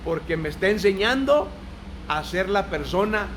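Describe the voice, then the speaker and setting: A man with a high voice takes part in a Bible study discussion. He speaks haltingly, repeating words as he goes, over a faint background noise. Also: lively intonation. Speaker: participant in a Bible lesson.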